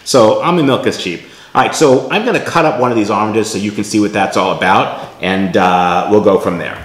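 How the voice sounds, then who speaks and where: A middle-aged man hosts a casual kitchen vlog in his home kitchen indoors, chatting away and often tagging his lines with "right?" as he shows food to the camera. His voice is lowish and reverberant, and he talks a little fast.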